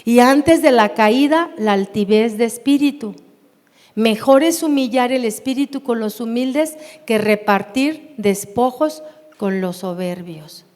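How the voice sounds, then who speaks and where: A woman with a Mexican Spanish accent leads a Bible class in a church hall, her voice carrying a long reverb. She speaks slowly and stays high in pitch, often pausing to ask her listeners questions. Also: darkish tone. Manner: unhurried, asks the class questions.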